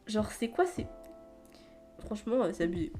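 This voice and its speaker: A woman's voice: mid-range voice, very animated, normal speed, dark tone, faint music behind. A woman chatting casually as a book vlogger, rambling, stumbling over words and laughing at herself. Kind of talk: casual chat.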